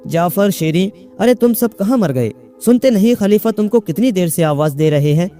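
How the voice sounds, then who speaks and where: A man's voice: sits high, expressive, normal speed, faint music behind. A man reading a story, voicing an angry young man who insists he is the caliph and barks orders. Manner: commanding, shouting, indignant.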